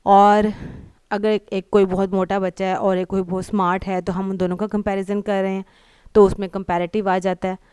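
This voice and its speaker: Woman, English tutor, smooth voice, dry close sound, patient, repeats words slowly. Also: mid-range voice, level tone, a little mellow, no room sound. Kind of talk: grammar lesson explained in Hindi-Urdu with English examples.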